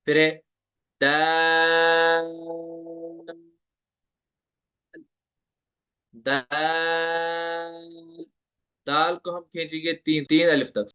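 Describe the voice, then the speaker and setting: Patient man teaching recitation, higher voice. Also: fairly bright tone. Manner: patient, repeats points and asks the listener questions; draws out letter sounds for demonstration. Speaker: Tajweed teacher. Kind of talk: online lecture.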